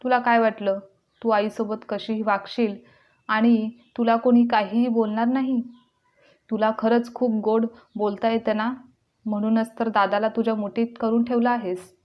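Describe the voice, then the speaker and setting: A woman's voice: fairly high pitch, flat delivery, normal speed, lightly acted. Woman doing a scolding grown daughter. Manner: confrontational, sarcastic. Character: grown daughter, sharp and scolding toward sister-in-law. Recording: dull lo-fi recording.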